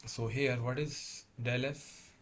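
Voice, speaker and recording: A man lecturing as a tutor, working through a problem step by step in a halting way, repeating and correcting himself. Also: mid-range voice, fairly even intonation. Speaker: engineering tutor.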